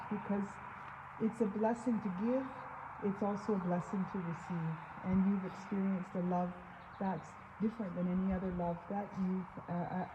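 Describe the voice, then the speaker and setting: A woman officiating at an outdoor graveside service, giving a gentle funeral address with halting pauses. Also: on the low side. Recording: muffled, echoey, noisy outdoor ambience.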